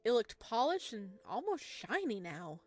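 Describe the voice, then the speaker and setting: Reading a visual novel's narration in an unhurried, sing-song voice pitched on the high side, a woman adds her own chatty, giggly comments as she plays. The game's music can be heard in the background.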